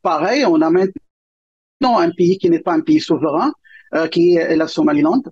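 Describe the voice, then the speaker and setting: Husky man, lo-fi dry line. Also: a little high, moderate pace, a little mellow. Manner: hesitant, restarts often, firm views. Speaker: geopolitical analyst guest. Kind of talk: debate panel discussion.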